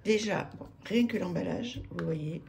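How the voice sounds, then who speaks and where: A woman's voice: medium pitch, measured pace, gravelly, noisy background. A woman, chatting to camera about her tarot decks, hesitant with many fillers and restarts, enthusiastic. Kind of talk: casual chat to camera. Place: home room with street noise outside.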